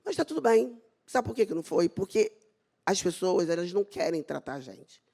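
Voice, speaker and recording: A woman's voice: lowish voice, expressive, normal speed, creaky, dark tone. A middle-aged Brazilian woman and dermatologist, giving a spirited talk about her own story. She acts out the dialogue in it and brings her faith into it. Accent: Brazilian Portuguese. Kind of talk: personal testimony talk on stage.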